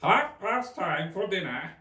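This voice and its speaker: A man's voice: high-pitched, lively intonation, slow pace, sharp tone, voice pushed up, heavily acted. A man voicing an eccentric, huffy and mournful male storybook Hatter, with an emphatic, theatrical and contemptuous manner. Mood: animated. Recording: roomy, distant microphone.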